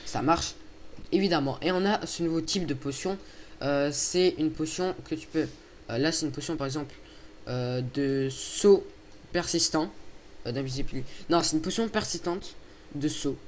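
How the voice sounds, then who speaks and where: Chatty young man with slightly high voice. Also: moderate pace. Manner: chatty, hesitant, full of fillers. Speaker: video host. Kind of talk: casual gameplay commentary. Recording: faint background noise.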